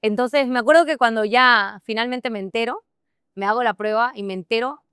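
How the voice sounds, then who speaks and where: A young Bolivian woman with a Santa Cruz accent, a podcast guest telling a personal story in an animated way and laughing often. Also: fairly high pitch, fairly quick, clean tone, no room sound, clean studio sound. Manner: animated, laughs often, acts out her own past thoughts. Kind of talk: personal storytelling in a casual interview.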